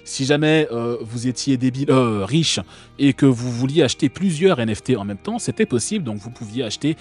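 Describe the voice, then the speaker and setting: A man's voice: mid-range voice, expressive, fairly quick, darkish tone, breathy edge, soft background music. A man from France hosting a live stream, talking casually and sarcastically with many fillers and restarts.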